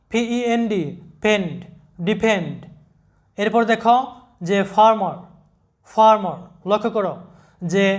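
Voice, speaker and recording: A patient teacher going through an English pronunciation lesson step by step, spelling each word letter by letter and repeating it. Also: mid-range voice.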